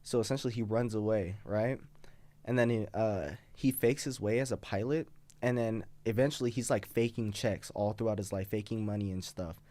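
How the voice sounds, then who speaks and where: Young guy on a podcast, kinda low voice, super slangy and sweary, dry mic. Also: brisk, no room sound. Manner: loose, slangy, swears a lot, animated. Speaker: podcast co-host. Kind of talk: casual chat.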